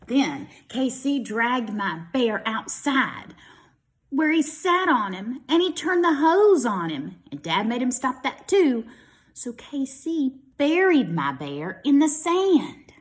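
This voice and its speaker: An American kindergarten teacher reads aloud to small children, her pitch rising and falling a great deal. She's expressive and animated, pausing to explain things in simple words.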